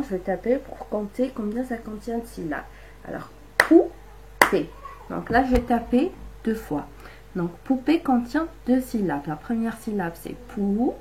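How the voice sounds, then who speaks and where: A woman teaching a lesson to young children at home, explaining each step slowly and patiently, sounding out syllables. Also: medium pitch, warm tone, a little hiss or hum, rough recording. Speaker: primary school teacher.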